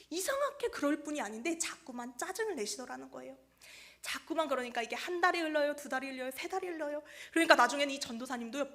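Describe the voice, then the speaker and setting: A woman's voice: high-pitched, a bit bright. A woman evangelist preaching a Sunday sermon in a church, telling a story and acting out the quoted people.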